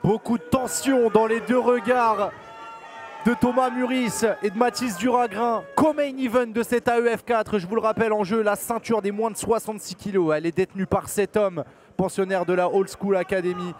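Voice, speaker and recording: A man's voice: sits high, steady tone, a little fast, soft background music. A man giving live MMA commentary as lead commentator, keen and emphatic in his play-by-play.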